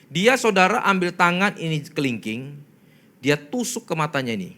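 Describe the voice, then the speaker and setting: A male pastor tells a story from the pulpit in a bright, forceful voice. He talks to his listeners directly, asks rhetorical questions and acts out the voices and sounds of the people in his story. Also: on the high side, very animated, normal speed. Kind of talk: storytelling sermon.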